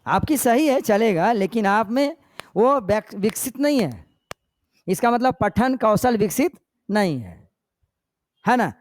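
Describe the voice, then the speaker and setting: An older male teacher giving an exam-prep lecture. He often checks that the class understands and dictates notes slowly. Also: high-pitched, big pitch swings, a little hiss or hum. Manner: checks understanding with repeated questions; demonstrates slow, paused recitation.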